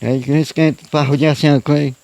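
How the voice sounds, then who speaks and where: A man's voice: a little high, steady tone, fairly quick, gravelly, a little mellow, dry recording. A man, telling a true story in a rambling, repetitive, folksy way, often adding "né?". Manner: rambling, repetitive folksy narration with frequent "né?" and "eu digo". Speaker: storyteller guest. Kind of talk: casual spoken storytelling of a true tale.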